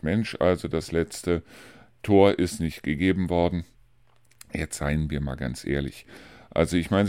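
A man's voice: rumbling low, darkish tone, clean tone, dry recording, clean studio sound. A man hosting his own radio show, chatting casually and rambling through the week's news. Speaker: radio host. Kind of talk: casual monologue.

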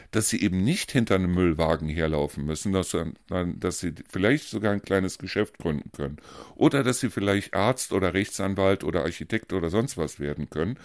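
In a dry, studio-quality recording, a low-voiced man co-hosts a podcast in casual conversation. He rants bluntly and heatedly, hammering his points home through repetition.

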